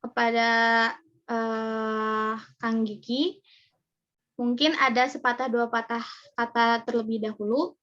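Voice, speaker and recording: A woman's voice: on the high side, little pitch movement, slow pace, long pauses, a bit bright. A woman hosting a religious study session, speaking politely with hesitant fillers. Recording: dull lo-fi sound.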